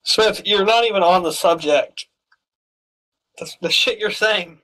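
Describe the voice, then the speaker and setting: Man, fairly high voice, teasing, laughing, swearing, gaming voice chat. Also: measured pace, sharp tone, low-quality recording. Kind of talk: casual voice chat while gaming.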